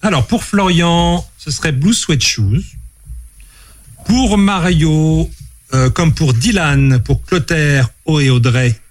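A man's voice: on the high side, slow pace. A man hosting a casual online quiz, playful and teasing as he reads out questions and answers. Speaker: quiz host.

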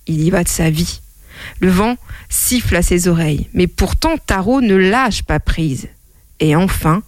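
A woman storyteller reads a children's tale aloud at an unhurried pace. Her pitch rises and falls expressively, drawing out key words. The recording is close and dry. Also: no echo.

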